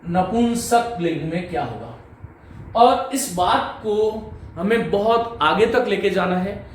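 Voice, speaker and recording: A man's voice: high-pitched, expressive, takes it slowly. A male Sanskrit teacher giving a patient board lecture, repeating key points and addressing viewers as friends. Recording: echoey room from a distance, faint hiss.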